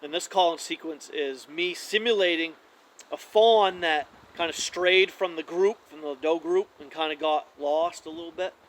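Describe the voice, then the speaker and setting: Relaxed man explaining deer calls. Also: on the high side, moderate pace, poor audio. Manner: relaxed, conversational, with frequent "like" and restarts. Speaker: hunting call demonstrator. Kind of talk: casual how-to demonstration.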